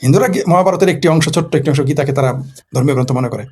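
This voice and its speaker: A man's voice: a little high, racing, a little mellow, slightly rough. A man from Bangladesh, a political commentator in a casual late-night monologue who poses rhetorical questions and answers them himself.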